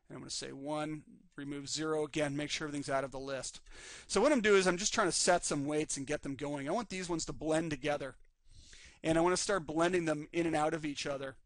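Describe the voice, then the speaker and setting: A man teaching a live 3D rigging class, calmly narrating each step on screen while his voice is slightly worn. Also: fairly high pitch, dry recording. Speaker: 3D rigging instructor. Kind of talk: live screen-recorded software tutorial.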